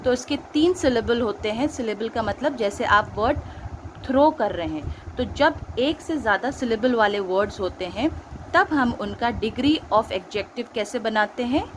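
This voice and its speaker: A woman's voice: fairly high pitch, lively intonation, unhurried, slight background noise, low-quality recording. A woman teacher with an Indian accent patiently explaining grammar, mixing Hindi and English and quizzing her pupils with questions. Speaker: school teacher. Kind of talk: recorded online grammar lesson.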